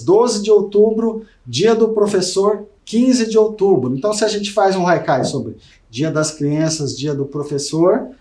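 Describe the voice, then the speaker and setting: Brazilian guy teaching a video class, kinda high voice, roomy echo, keeps asking the kids "right?". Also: darkish tone. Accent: Brazilian Portuguese. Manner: explanatory, addresses students directly with frequent "né?". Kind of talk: recorded video lesson.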